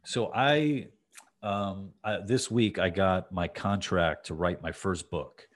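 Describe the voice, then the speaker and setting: Deep-voiced man hosting a casual podcast. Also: slow. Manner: loose, rambling, full of restarts and "you know". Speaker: podcast host. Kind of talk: casual conversational interview.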